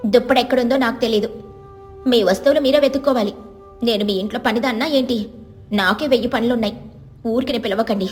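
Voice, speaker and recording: A woman voicing a stubborn, resentful young wife who snaps and complains quickly. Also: fairly high pitch, a little mellow, faint music behind, natural voice.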